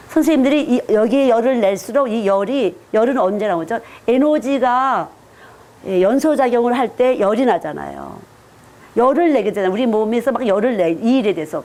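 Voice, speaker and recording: A woman's voice: a little high, darkish tone. A woman who is a children's missionary, giving a teacher-training lecture in an earnest, direct, conversational preaching manner.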